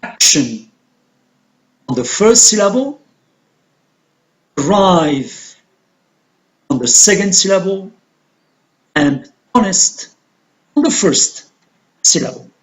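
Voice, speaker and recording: A man teaching an English lesson on word stress, slow and deliberate, stressing key words. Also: sits high, very animated. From Algeria.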